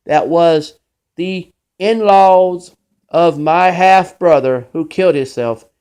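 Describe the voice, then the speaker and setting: A man's voice: a little high, darkish tone. A man hosting his own show, delivering an impassioned, scolding monologue about faith. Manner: preachy, emphatic, scolding. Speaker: show host.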